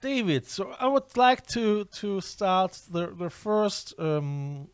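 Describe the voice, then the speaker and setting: Hesitant man hosting, higher voice. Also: slow pace, smooth, no echo. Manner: hesitant, repeats words, restarts often. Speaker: podcast host. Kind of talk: casual interview over a video call. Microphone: video call.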